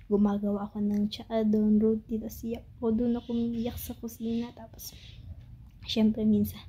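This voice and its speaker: A young Filipina woman telling a family story in a casual vlog, halting and searching for words, fighting tears at times. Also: medium pitch, muffled recording, a little hiss or hum. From Philippines. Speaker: family vlogger. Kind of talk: emotional story-time monologue. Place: home in Pakistan.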